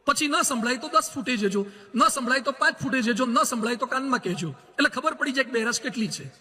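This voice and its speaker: A man giving a sermon full of anecdotes and quotes, telling stories and slowing down to stress key lines. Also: very high voice, expressive, bright, forceful tone, breathy edge. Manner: storytelling, slow emphatic quotes. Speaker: preacher. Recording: long hall reverb.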